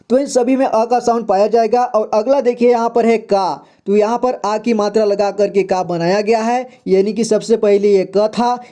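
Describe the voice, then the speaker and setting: A man's voice: sits high, dark tone. A man teaching a beginners' reading lesson, patiently sounding out syllables one by one and checking in with frequent "okay?" asides. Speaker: Hindi teacher.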